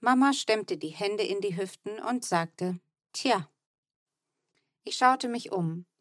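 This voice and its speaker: A woman's voice: medium pitch, measured pace, no echo, clean studio sound. A woman narrating a children's book in the first person, telling the story evenly and tenderly. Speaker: audiobook narrator.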